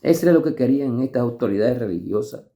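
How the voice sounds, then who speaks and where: A man's voice: medium pitch, animated, quick pace, warm tone. A man preaching as a pastor in a devotional sermon, reading scripture and urging listeners with emphatic, rising stresses. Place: church devotional service.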